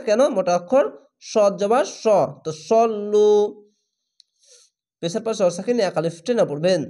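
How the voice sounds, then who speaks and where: A man with a strikingly high voice and a dark tone guides a step-by-step Quran reading lesson. He stretches the recited words out very slowly, then shifts into plain, patient explanations of each reading rule.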